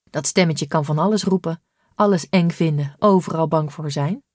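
A woman voicing a calm, patient mother who explains things gently in a read-aloud story. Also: low voice, normal speed, dry recording, clean studio sound. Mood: gentle.

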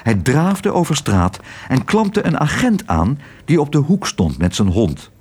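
A man narrating a children's storybook with expressive, varied intonation. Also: on the high side, unhurried, a little hiss or hum. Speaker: audiobook reader.

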